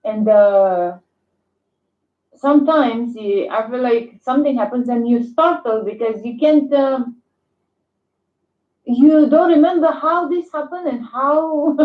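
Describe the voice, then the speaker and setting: A woman talking haltingly on a video call over a bad connection, pausing often and restarting her words. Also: high-pitched. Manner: halting, hesitant, many fillers and restarts. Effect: bad video-call connection, tinny and echoey. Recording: tinny echoey video-call audio.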